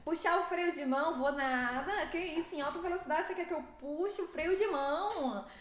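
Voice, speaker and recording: A young Brazilian woman streaming a driving game, chatting with viewers in a lively, fast way and laughing often. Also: extremely high pitch, reverberant, slight background noise. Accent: Brazilian Portuguese. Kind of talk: live stream chat with viewers.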